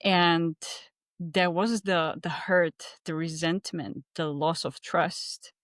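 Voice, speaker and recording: A woman reflecting casually in a debrief as a coach, phrasing her thoughts haltingly in short pieces. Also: on the low side, steady tone, no room sound, studio quality.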